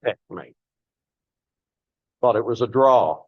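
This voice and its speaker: A man's voice: medium pitch, lively intonation, slow, lo-fi sound. A man hosting a meeting and introducing the next speakers in a brief, matter-of-fact way. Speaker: meeting host.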